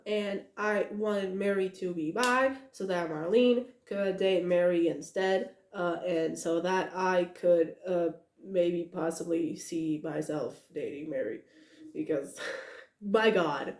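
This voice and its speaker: Talking about a book on her podcast, this young woman has a lowish voice that bounces around an echoey room. Her monologue is loose and rambling, packed with giggles, "uh"s, restarts and excited little asides.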